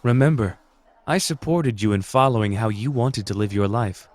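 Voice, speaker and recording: In an anime audio roleplay, a man plays a suave renegade sorcerer, speaking in a measured, formal manner that is gently persuasive and manipulative. His voice is on the low side and natural, the recording has no room sound, and the mood is one of smooth persuasion.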